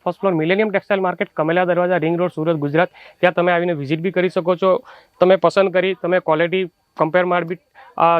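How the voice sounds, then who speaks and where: A man with a Gujarati accent presenting clothing stock in rapid, unscripted sales patter, often restarting words. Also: high-pitched, no room sound, highs cut off. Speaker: wholesale clothing shop presenter. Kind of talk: unscripted product showcase.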